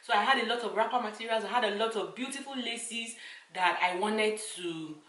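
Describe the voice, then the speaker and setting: A woman with a Nigerian accent talks casually to her audience in a bright, punchy voice. She answers questions in an animated storytelling way, repeating words for emphasis. The room adds a noticeable echo. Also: a little high, brisk, far from the mic. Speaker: vlogger.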